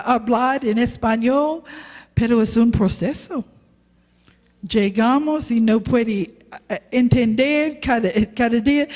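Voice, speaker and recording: Slow woman preaching in echoey church. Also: high voice, a little mellow. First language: English. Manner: slow, halting non-native Spanish with restarts. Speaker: missionary preacher. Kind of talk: sermon with personal story.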